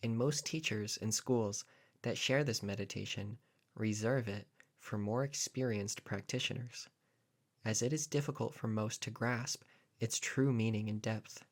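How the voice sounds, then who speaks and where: A meditation teacher with a low voice narrates a guided meditation, phrasing his words in a measured, deliberate way with pauses.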